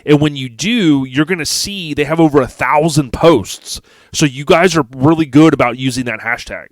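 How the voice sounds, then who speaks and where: An American man from the United States hosts a casual podcast chat, speaking enthusiastically and directly to his listeners. His voice is fairly high-pitched at a moderate pace, with no echo.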